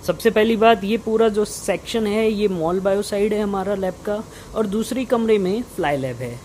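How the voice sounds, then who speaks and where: A man's voice: sits high, normal speed, darkish tone. A young man giving a casual vlog tour, informally mixing in English technical terms, his voice slightly muffled by a face mask. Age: young adult. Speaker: vlogger and lab researcher. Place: indoor research lab. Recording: muffled by mask, clear equipment hum. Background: running lab equipment and air conditioning hum.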